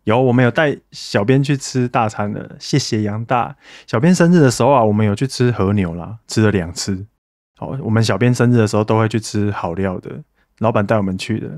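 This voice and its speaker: A man's voice: fairly low pitch, fairly quick, darkish tone, dry recording, studio quality. A man from Taiwan hosting a casual solo podcast, chatty and self-mocking as he talks to listeners and thanks donors. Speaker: podcast host.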